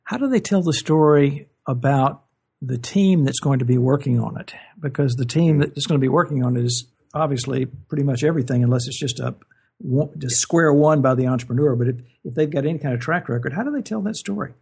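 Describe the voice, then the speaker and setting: A man hosting an interview, encouraging his guest and quick to affirm what he hears. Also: mid-range voice, creaky, darkish tone, husky. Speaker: interview host. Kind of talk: podcast interview.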